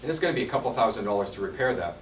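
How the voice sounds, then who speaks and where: A man's voice: on the low side, expressive, very fast. A man giving a conversational insurance talk to a room, quizzing the audience as he goes. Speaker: insurance presenter. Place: meeting room at a seniors' residence. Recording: roomy, distant, faint hiss.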